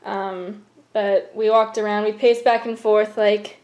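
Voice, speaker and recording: A woman's voice: mid-range voice, flat delivery, measured pace, a little mellow. A young adult woman with an American accent talking casually on a home vlog. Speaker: vlogger and caregiver. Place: room at home.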